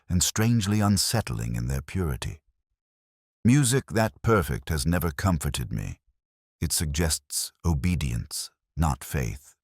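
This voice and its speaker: In a low, exaggerated voice, a man plays a brooding, erudite police detective who narrates his own case as a melancholy, measured, literary first-person mystery. The recording is studio quality with no echo.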